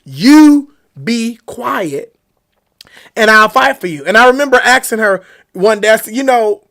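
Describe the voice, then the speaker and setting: A man's voice: high voice, a little fast, pushed and bright. A man hosting a podcast, talking casually and earnestly with viewers and reading their comments, often repeating himself. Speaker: podcast host. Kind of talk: casual live-stream talk reading comments.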